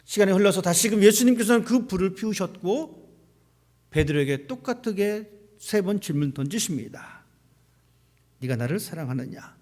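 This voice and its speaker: A man's voice: high voice, normal speed, a little mellow. A male pastor preaching a sermon in a church sanctuary, asking the congregation rhetorical questions. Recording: long hall reverb.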